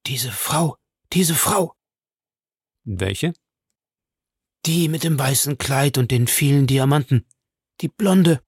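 A man's voice: on the low side, very slow, creaky, hardly any pauses, dry recording, studio quality, full character voice. A man reading an audiobook, voicing a terrified middle-aged steward who stammers out panicked cries.

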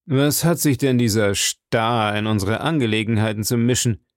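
A man's voice: lowish voice, moderate pace, no room sound, studio quality, lightly acted. A man voicing a haughty, disdainful aristocratic nobleman in a storybook, with a cool, dismissive manner.

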